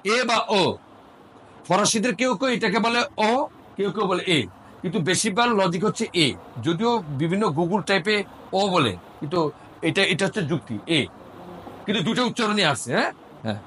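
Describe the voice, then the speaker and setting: A man's voice: sits high, expressive, normal speed, fairly bright tone, slight background noise. A man tutoring a one-on-one language lesson, patiently repeating each word for the learner to echo. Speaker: French tutor.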